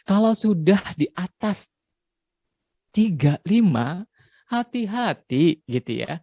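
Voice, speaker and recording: A man's voice: high-pitched, big pitch swings, slow, mellow, no echo, dull audio. Conversational man in his forties, dry sound. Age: 40s. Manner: conversational, peppers speech with tag questions. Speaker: parenting speaker. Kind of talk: parenting seminar talk.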